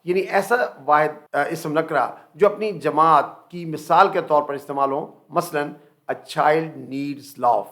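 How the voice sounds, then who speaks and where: A middle-aged man with a Pakistani accent teaching English grammar as a classroom lecture, explaining step by step and slowing down to say each English example. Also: a little high, fairly bright tone.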